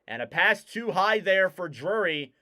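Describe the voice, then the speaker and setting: A man giving casual live play-by-play commentary on a hockey game, getting louder and keener on the big plays. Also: high-pitched, expressive, unhurried.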